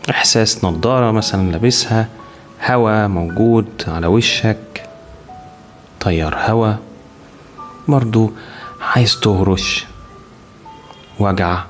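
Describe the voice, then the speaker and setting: An Egyptian-accented man leads a guided body scan over clearly audible music. His voice sits on the low side. He gives short, calm instructions in a soothing, unhurried way, with long pauses between them. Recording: music behind the voice. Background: clear background music.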